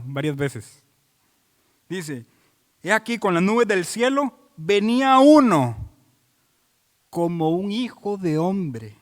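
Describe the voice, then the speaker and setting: A man's voice: fairly high pitch, in a large hall. A man preaching an expository sermon, driving his points home with repeated phrases and questions put to the congregation. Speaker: pastor.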